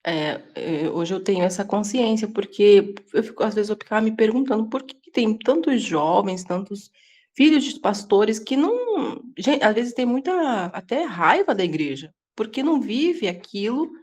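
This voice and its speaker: A woman's voice: medium pitch, lively intonation, moderate pace, darkish tone. A woman with a Brazilian Portuguese accent sharing an earnest personal testimony in a casual Bible study, speaking over a video call from home. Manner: earnest, confessional, many tag questions. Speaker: Bible reading group participant.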